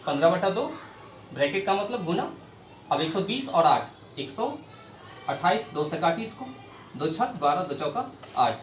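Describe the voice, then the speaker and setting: A man's voice: a little high, very animated, normal speed, long pauses. A man teaching a maths lesson, asking questions and answering them himself as he works problems on a board. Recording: echoey room, mic far off, faint noise.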